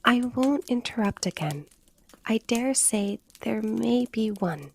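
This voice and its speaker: A woman's voice: fairly high pitch, lively intonation, takes it slowly, a little hiss or hum, pitched above the performer's own voice. A woman voicing a polite, earnest young girl in a storybook reading. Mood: polite curious. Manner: humble, earnest.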